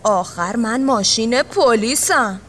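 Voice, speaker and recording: A woman voicing an eager, friendly police car from a children's storybook, in a lower voice than her narration. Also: animated, a bit bright, a little hiss or hum. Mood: earnest. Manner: earnest, helpful.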